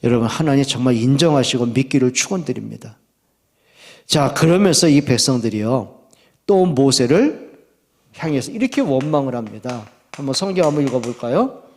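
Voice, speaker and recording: Male pastor giving a sermon, voice swings up and down a lot, reads verses slow and deliberate. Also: medium pitch. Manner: animated preaching, acting out quoted complaints in a raised voice; reads scripture slowly and deliberately.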